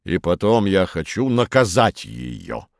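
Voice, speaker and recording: A man voicing a huge, boisterous, red-cheeked baron who talks in a booming, drawn-out, blustering way, in a storybook reading. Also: creaky, dry recording, studio quality, full character voice. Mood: indignant.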